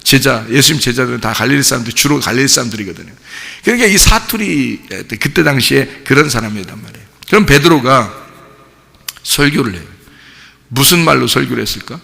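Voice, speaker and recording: Gravelly bright-voiced pastor preaching in a hall. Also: male voice, mid-range voice, brisk. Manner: animated, acts out quoted voices and mimics gibberish tongues; conversational, asks the congregation questions. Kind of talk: sermon. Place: church sanctuary.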